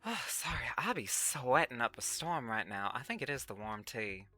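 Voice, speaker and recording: Faint music sits behind a sing-song, sharp-toned mid-range voice moving at a moderate pace. A livestream host casually reads and answers viewer comments in an affected Southern Belle drawl, folksy and full of sweet pet names.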